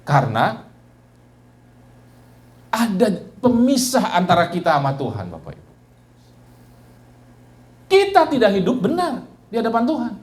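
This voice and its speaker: Lively preaching male pastor. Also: unhurried, pauses often. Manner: animated preaching, often addresses the congregation directly; drops low and soft on repeated refrains. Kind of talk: sermon. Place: church.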